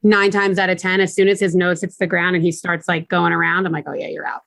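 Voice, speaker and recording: A woman's voice: on the low side, flat delivery, quick pace, creaky, fairly bright tone. A woman dog trainer sharing her puppy experience casually, loose with filler words. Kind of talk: casual roundtable chat.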